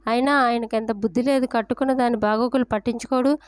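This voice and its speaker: A woman's voice: fairly high pitch, fairly even intonation, fast talker, clear, resonant tone, no echo, close to an everyday voice. Woman reading as a grumbling old milkman. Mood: indignant. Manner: grumbling, spiteful. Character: indignant old village milkman. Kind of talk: storytelling narration.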